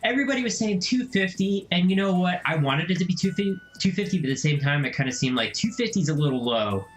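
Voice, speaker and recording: Excitable young man in an echoey room. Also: high-pitched, quick pace. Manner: animated, jumps into mocking silly voices. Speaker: gaming video host. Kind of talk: excited casual vlog reaction. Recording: echoey room, faint music.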